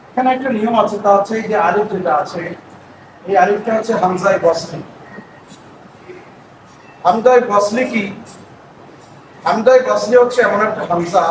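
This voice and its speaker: A man teaching prayer recitation, patiently breaking words into syllables and chanting them slowly. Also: high-pitched. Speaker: religious teacher. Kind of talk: explaining pronunciation step by step. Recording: echoey room, distant mic, noisy.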